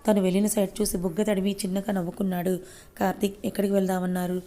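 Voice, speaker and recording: A woman narrating an audio story in a steady reading voice. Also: mid-range voice, fast talker.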